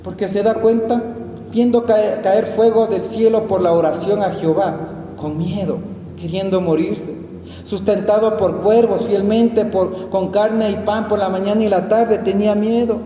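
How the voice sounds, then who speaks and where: A high-pitched, mellow-toned man with an Ecuadorian accent preaches an emphatic sermon, moving from loud outbursts to quiet asides. His voice rings through a church hall with a long reverb. A faint noise sits underneath. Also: steady tone, a little slow. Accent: Ecuadorian Spanish.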